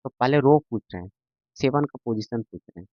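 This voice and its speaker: A man teaches a maths lesson in a dry, dull lo-fi recording with no echo. His medium-pitched voice is brisk with lively intonation, and he is patient and repetitive, frequently checking that students are following.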